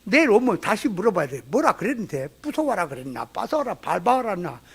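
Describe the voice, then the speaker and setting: A man's voice: high-pitched, big pitch swings, brisk, breathy edge. A pastor with a Jeolla accent preaching a sermon, folksy and full of rhetorical questions to his congregation. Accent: Jeolla Korean. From Jeolla, Korea. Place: church sanctuary.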